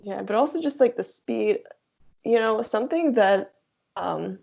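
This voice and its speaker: A young adult woman chatting as a guest, talking in an animated, chatty way with many filler words. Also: a little high, a little slow, gravelly. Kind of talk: casual chat. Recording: dull lo-fi sound.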